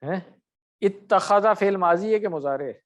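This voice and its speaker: A man's voice: sits high, dull audio. A middle-aged man teaching Arabic grammar in an online class, correcting and quizzing his students by name.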